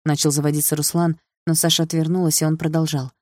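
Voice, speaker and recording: Low-voiced woman reading first-person prose. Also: level tone, fast, darkish tone, dry recording, studio quality. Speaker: audiobook narrator. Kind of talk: first-person scripted narration.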